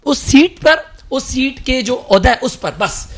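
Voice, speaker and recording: A man's voice: very high-pitched, lively intonation. A man from Karachi, a guest on a political talk show, arguing in an impassioned, emphatic, rhetorical way. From Karachi, Pakistan.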